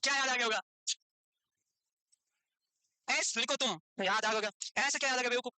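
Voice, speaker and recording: Male nursing teacher, high bright voice, quick, teasing and chatty in class. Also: clean tone, no echo. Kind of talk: classroom lecture with joking asides.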